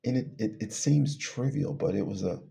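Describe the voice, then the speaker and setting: Telling a personal testimony, a middle-aged man rambles casually and laughs between phrases before trailing off. His voice is lowish and warm with vocal fry, lively in intonation and at normal speed.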